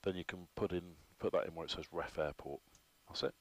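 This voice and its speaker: Deep-voiced flight instructor. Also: male voice, steady tone, a little fast, a bit bright. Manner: patient, explaining step by step with many ums. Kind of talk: hands-on instruction. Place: flight simulator cockpit.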